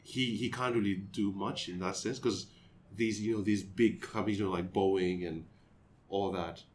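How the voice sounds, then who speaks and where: A young man in casual chat, talking haltingly and leaning on filler phrases. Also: low voice, fairly even intonation, slight background noise. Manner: halting, repeats fillers a lot.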